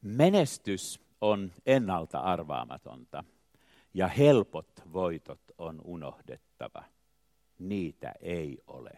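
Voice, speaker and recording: An older man speaks in a very low voice, reflective and measured, reciting poetic lines and musing on art. His phrases swell and then fall away to a hush. The recording is dry and close, with no room sound. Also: big pitch swings, vocal fry, dry recording. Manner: slow, measured, poetic delivery with swelling emphasis and trailing quiet endings. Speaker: artist, choreographer. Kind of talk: reflective spoken essay with recited poetry.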